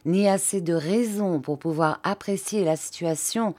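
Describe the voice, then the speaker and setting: A woman's voice: fairly low pitch, a little slow, darkish tone. A woman reading an audiobook, voicing an agitated male schoolmaster who raises his voice in trembling outbursts.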